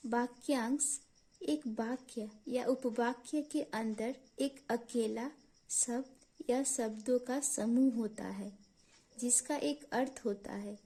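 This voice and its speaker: An Indian woman teaching English grammar, speaking very slowly and with care. Her voice sits a little high but has a dark, mellow tone. She reads each English definition word by word before explaining it. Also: husky. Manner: slow, careful reading of English definitions before explaining them.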